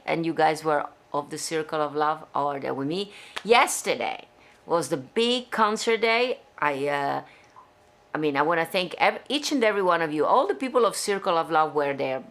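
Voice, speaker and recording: A woman in her forties from Venice with an Italian accent, chatting casually to viewers on her own live stream from her living room, very expressive. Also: low-pitched. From Italy (Venice). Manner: chatty and expressive, gestures a lot, reads viewer comments. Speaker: singer hosting her own live show. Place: living room at home with framed pictures.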